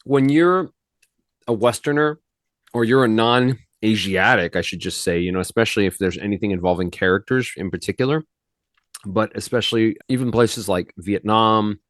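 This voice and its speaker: A man's voice: lowish voice, moderate pace, a bit bright, dry recording, clean studio sound. A man hosting a faith podcast in a loose, rambling, slangy manner, with many restarts. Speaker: podcast host. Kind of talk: casual podcast chat.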